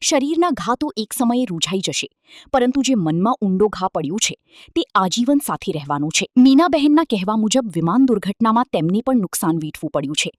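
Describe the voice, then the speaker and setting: A woman reads a scripted news voice-over in a measured, solemn way. Her pitch moves a lot from phrase to phrase, and her voice sounds dry and close. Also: sing-song, no room sound. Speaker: news reporter.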